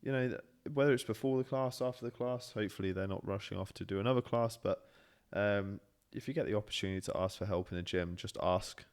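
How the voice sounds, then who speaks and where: A man's voice: fairly low pitch, quick pace, few pauses, clear, resonant tone. A man in his thirties co-hosting a podcast, chatting casually and unscripted with laid-back, joking banter. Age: 30s. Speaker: podcast co-host, fitness class instructor.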